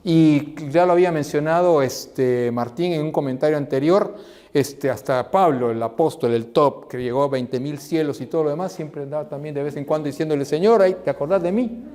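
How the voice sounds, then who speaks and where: Animated man leading a class. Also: normal speed. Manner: animated, acts out quoted voices in a raised pitch. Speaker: seminary teacher.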